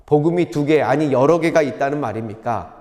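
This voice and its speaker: Korean pastor preaching in an echoing sanctuary. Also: male voice, a little high, darkish tone. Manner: measured teaching tone, rhetorical questions, occasional fillers. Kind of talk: sermon. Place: church sanctuary.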